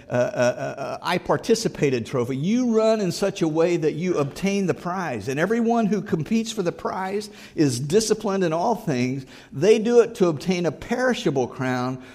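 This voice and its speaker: A man's voice: a little high, a little mellow. A male pastor preaching a sermon, earnest and emphatic, repeating his exhortations.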